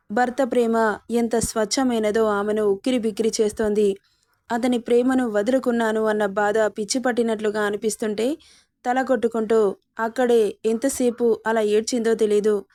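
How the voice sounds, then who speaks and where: A woman narrating a scripted moral drama story in a steady, dramatic way. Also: a little high, no room sound, clean studio sound.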